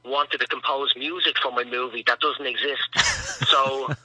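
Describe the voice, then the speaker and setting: A man's voice: mid-range voice, fairly even intonation, normal speed, pushed and bright, no room sound, poor audio. A male comedian guest in a casual radio interview, rambling through funny stories and chuckling at his own punchlines.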